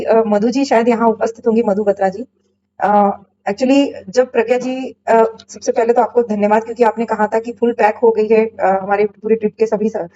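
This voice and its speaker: A woman in her forties sharing a spiritual travel experience with her group, speaking haltingly with many pauses and fillers. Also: warm tone. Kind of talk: emotional personal testimony. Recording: muffled low-fidelity recording with faint hum.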